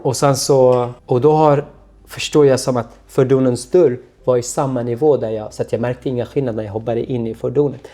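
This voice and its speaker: A man speaking in a halting, low voice, a guest recounting his own past in an interview. His sentences often trail off into near silence. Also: steady tone, dark tone. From Syria. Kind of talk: personal storytelling interview.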